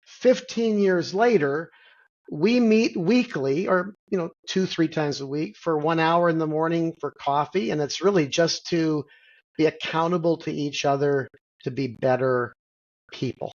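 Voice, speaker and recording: A middle-aged man, a physician guest, explaining things in a measured way with many pauses and "and so" fillers over a video call. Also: fairly high pitch, highs cut off. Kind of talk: interview answer.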